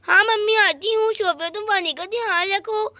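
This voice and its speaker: A woman voicing a lively, curious village mother in an acted doll story. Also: very high voice, normal speed, background noise. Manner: lively, exclamatory. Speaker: doll story narrator and voice artist.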